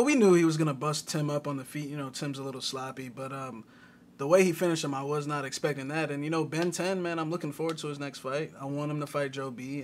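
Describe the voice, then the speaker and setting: Male co-host, slightly high voice, relaxed chatty delivery, faint rumble in the background. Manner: laid-back, lots of fillers like man and um. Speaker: podcast co-host. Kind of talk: casual sports betting talk.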